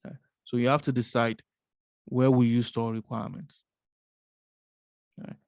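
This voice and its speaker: A man's voice: medium pitch, level tone, unhurried, a little mellow, clean tone, no room sound. A man teaching a business analysis course, explaining step by step, asking rhetorical questions and often adding "right?". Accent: non-American English.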